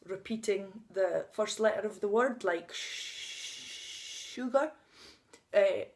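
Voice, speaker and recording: Outdoors on a sunny day, a woman in her thirties speaks openly and emotionally in a personal vlog, laughing at times. She stutters, blocking on first sounds, and her unscripted speech is mid-range in pitch and slow.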